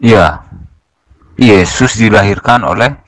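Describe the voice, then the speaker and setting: A man debating calmly over phone voice notes, asking plain questions in a measured way. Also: lowish voice, rough recording. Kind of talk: voice-note debate.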